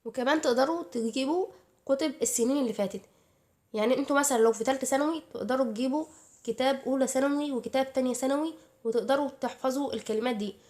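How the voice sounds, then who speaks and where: A woman's voice: high-pitched, racing, a little mellow. A woman with an Egyptian Arabic accent giving casual study advice to her viewers, chatty and answering her own rhetorical questions. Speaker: YouTuber giving study tips.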